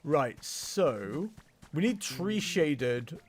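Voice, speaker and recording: A man's voice: a little high, big pitch swings, drawn-out words. A man chatting casually and commenting on a video game in a jokey, rambling way.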